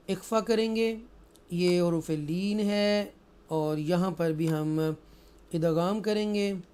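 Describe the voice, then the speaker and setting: A man teaching Quran recitation rules, switching between slow, drawn-out chanted recitation and quick spoken explanations. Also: high-pitched, mellow, clear, resonant tone. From Pakistan. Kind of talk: tajweed lesson, recitation with explanation.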